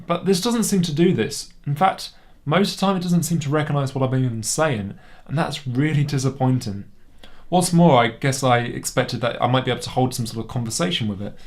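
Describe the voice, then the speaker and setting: A man with a British accent giving a casual, sceptical toy review at home. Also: medium pitch. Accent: British English. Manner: sceptical, wry and conversational.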